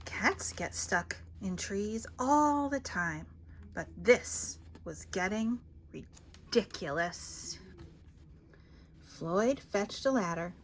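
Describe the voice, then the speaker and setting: A woman reading children's picture books aloud as a storyteller, theatrical and expressive with dramatic pauses and emphasis. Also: medium pitch, a little hiss or hum.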